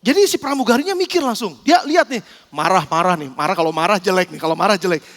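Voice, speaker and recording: A male pastor preaching a sermon, telling a story in a lively way and often calling out to the congregation directly. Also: high-pitched, quick pace. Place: church hall. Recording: echoey church hall.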